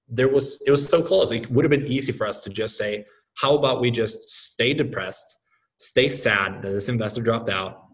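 A man's voice: on the low side, breathy edge, low-quality recording. A man from Norway, a startup founder, talking earnestly and enthusiastically in a podcast interview.

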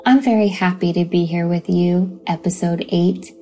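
Mellow woman hosting from a bathroom. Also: lowish voice, steady tone, normal speed, soft background music. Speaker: podcast host. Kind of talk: conversational podcast monologue. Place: small apartment bathroom, indoors.

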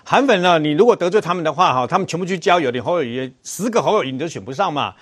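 A man with a Taiwanese accent commenting on politics on a talk show, animated and scolding, firing rhetorical questions. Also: fairly high pitch, racing, breathy edge.

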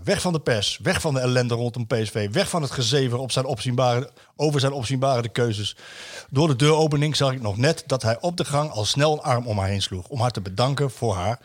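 A man hosting a football talk show. He reads a written piece aloud to his co-hosts, stopping often on fillers and restarts. His pitch sits in the middle range for a man. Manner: hesitant, many fillers, chuckles while reading. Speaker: football radio show host. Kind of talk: casual chat, reading a column aloud.

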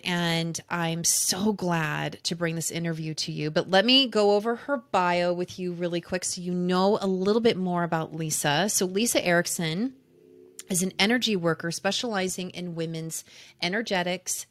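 A woman's voice: fairly low pitch, a bit bright. A woman hosting a love coaching podcast, speaking intimately to her listeners in a gushing way and leaning on key words. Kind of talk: podcast intro and promotion, addressing listeners intimately.

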